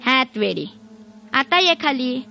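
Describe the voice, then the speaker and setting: A woman's voice: sits high, very animated, takes it slowly, vocal fry, sharp tone, soft background music, heavily acted. A woman voicing a sly, hungry male wolf who coaxes a little girl in a children's story. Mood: coaxing. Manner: coaxing, wheedling.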